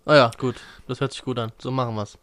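A man's voice: medium pitch, steady tone, fast, fairly bright tone, dry recording. A man co-hosting a casual podcast, slightly mumbling with the thick sound of swollen tonsils and a sore throat. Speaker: podcast co-host. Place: remote call.

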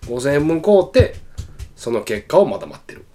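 A man with a Kansai accent telling funny stories in casual chat as a radio host, animated and laughing often. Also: a little high, moderate pace, soft background music. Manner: animated storyteller, bursts into laughter.

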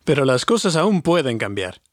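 A man voicing an old male wizard who speaks slowly and sternly in a raised voice. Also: fairly high pitch, very animated, dry recording, clean studio sound.

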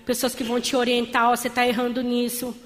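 Woman, high voice, fervent testimony, church hall, long reverb. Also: monotone, quick pace. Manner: fervent, addresses listeners as beloved. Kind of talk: sermon-style testimony.

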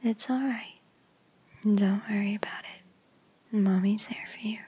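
A woman speaks in an airy, breathy whisper with almost no voice behind it, and she lingers on every word at a very slow pace. It is gentle, lulling ASMR comfort roleplay, whispered close to the microphone. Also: mid-range voice, fairly even intonation. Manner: soft unvoiced whisper, soothing and lulling. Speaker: ASMR creator.

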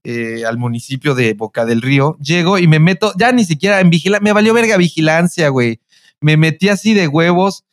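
A man with a Mexican Spanish accent telling a long story on a podcast, animated and profane, acting out what people said. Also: on the high side, a little fast, no echo, studio quality. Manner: profane, animated retelling with acted-out quotes. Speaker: podcast host. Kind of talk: casual storytelling chat.

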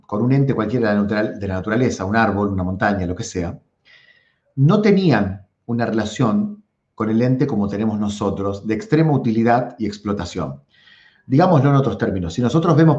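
Animated Rioplatense man teaching philosophy. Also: medium pitch, roomy sound, muffled recording. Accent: Rioplatense Spanish. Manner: animated, addresses viewers directly, repeats words for emphasis. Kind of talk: lively lecture to camera.

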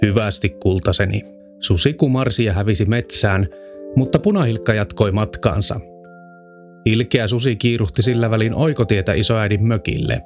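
A man reading a children's fairy tale aloud in a calm, measured storyteller's way. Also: lowish voice. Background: faint music.

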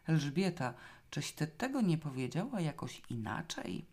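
A woman reading a storybook, voicing a suspicious, sharp-tongued hostess who questions quickly. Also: deep voice, sing-song, husky, heavily acted. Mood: puzzled. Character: anxious, sharp-tongued woman, middle-aged host.

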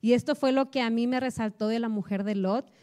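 A woman giving a casual devotional talk, fast and chatty, full of family anecdotes. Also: a little high, dark tone. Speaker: speaker at a women's church series.

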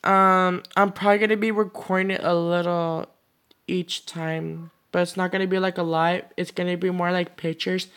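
Talking alone on his own podcast, a sixteen-year-old boy keeps a level tone at a moderate pace, his high voice a bit bright and smooth. The monologue is casual and rambling, full of "like, you know."

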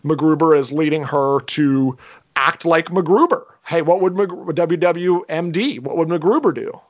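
A man's voice: fairly high pitch, normal speed. A man co-hosting a podcast, eagerly agreeing and retelling movie scenes with quoted lines. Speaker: podcast co-host. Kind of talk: casual movie recap chat. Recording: dull lo-fi audio.

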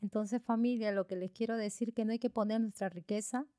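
Animated woman preaching through a story. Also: on the high side, brisk, dry recording. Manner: animated, with frequent fillers. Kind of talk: storytelling sermon.

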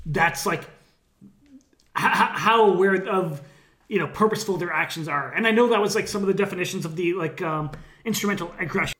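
A man's voice: high-pitched, a little fast, fairly bright tone. A man with hiccups co-hosting a podcast, speaking hesitantly with lots of fillers. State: has hiccups. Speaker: podcast co-host. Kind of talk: casual chat. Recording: echoey room.

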